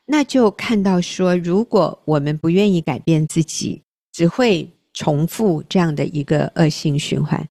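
Earnest woman radio host, low voice. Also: a little slow, warm tone, no echo. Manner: earnest, reflective, self-deprecating. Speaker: radio talk show host.

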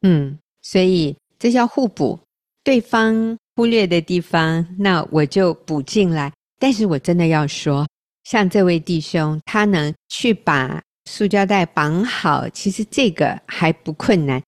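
Earnest woman radio host, low voice. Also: lively intonation, unhurried, darkish tone, no room sound, clean studio sound. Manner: earnest, reflective, self-deprecating. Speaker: radio talk show host.

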